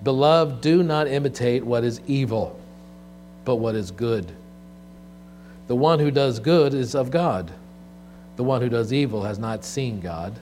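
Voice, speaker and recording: A man preaching as a pastor at a pulpit microphone, speaking in a measured, deliberate way with pauses. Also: medium pitch, darkish tone. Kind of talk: sermon with scripture reading and prayer. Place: church service, speaking from the pulpit. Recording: clear background mains hum.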